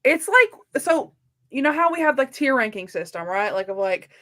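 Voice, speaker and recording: With a high, sing-song, sharp-toned voice at a moderate pace, a woman co-hosts a live book chat. She's effusive and candid, rambling freely and saying "like" constantly.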